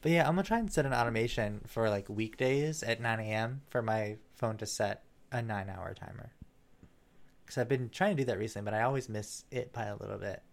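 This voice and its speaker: Podcast cohost rambling on, lots of likes and ums, casual chat. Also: male voice, on the low side, fairly quick, vocal fry. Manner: rambling, animated storytelling. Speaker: podcast co-host.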